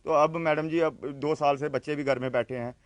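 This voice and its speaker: Distressed pleading man, fairly high voice. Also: fairly even intonation, fairly quick, no room sound. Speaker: interviewed resident. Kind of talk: street interview.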